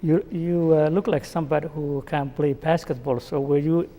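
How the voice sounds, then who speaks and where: A man's voice: on the high side, fairly even intonation, moderate pace, mellow. A male host asking guests questions in an interview, with frequent short acknowledgements. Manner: asks friendly questions with short backchannels. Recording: reverberant room.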